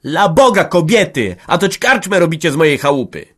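A man's voice: mid-range voice, animated, unhurried, darkish tone, pitched above the performer's own voice, lightly acted. A man reading an audiobook, voicing a proud young peasant woman who speaks firmly. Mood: pleading. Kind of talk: audiobook character voice.

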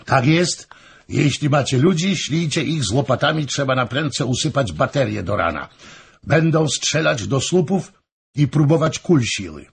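A man reading a hurried, shouting officer. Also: mid-range voice, animated, vocal fry, slightly rough, pitched above the performer's own voice, exaggerated voice. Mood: urgent. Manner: shouting, urgent. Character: hurried male army officer, brisk and loud.

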